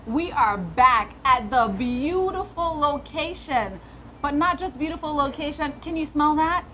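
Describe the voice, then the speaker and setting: A woman in her thirties hosting a lively talk show, bubbly and quick to laugh. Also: high voice, a little hiss or hum. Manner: bubbly, laughs often, enthusiastic.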